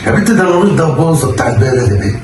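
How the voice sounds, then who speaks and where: A man with an Egyptian accent acting a comedy sketch, loud, exasperated and cursing. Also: a little high, sing-song, very fast, noisy background. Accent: Egyptian Arabic. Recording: echoey room, far from the mic.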